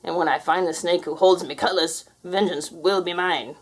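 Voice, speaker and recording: A woman voicing a vengeful male pirate ghost as a storybook character, growling and booming in pirate dialect. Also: steady tone, moderate pace, rough recording.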